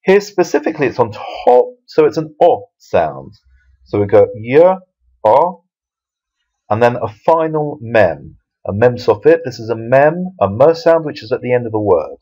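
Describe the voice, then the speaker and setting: A man's voice: mid-range voice, very animated, moderate pace, warm tone, highs cut off. A man teaching Hebrew letters from a Bible verse in a video lesson, explaining patiently with fillers and restarts. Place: Jerusalem.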